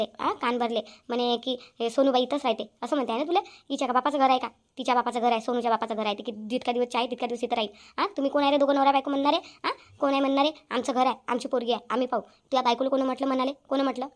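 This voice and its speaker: A woman voicing a scolding older mother-in-law in a cartoon, firing off rapid accusing questions. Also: on the high side, fairly even intonation, close to an everyday voice. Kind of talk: cartoon voice acting.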